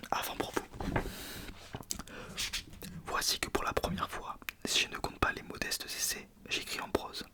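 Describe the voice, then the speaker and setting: A man reading in a soft ASMR whisper, informal, sometimes stumbling over words and correcting himself. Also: unhurried, long pauses. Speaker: ASMR video creator. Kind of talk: whispered ASMR book reading with casual asides.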